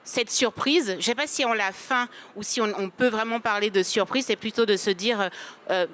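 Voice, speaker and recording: A woman in her late thirties, who grew up in Cameroon, talks at a measured pace as a panel guest. Her voice sits at a middle pitch. She tells her story plainly, with some fillers. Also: a bit bright. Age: late 30s. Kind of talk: personal testimony in a panel discussion.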